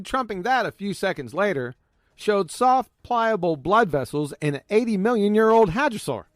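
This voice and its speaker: A man's voice: high-pitched, dry recording, studio quality. A man giving mocking commentary on clips in a smug, sarcastic manner. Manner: smug, sarcastic mockery with name-calling. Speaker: video commentator.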